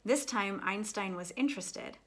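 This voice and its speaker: With a mid-range voice that carries a breathy edge, a woman reads a picture book to children, using careful, expressive phrasing.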